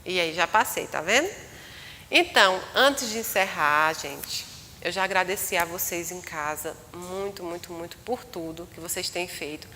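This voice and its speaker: A woman medium telling a story in a live talk, acting out the people in her story in a lively way. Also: on the low side, moderate pace, a little hiss or hum. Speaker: spiritual medium speaking live. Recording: long hall reverb.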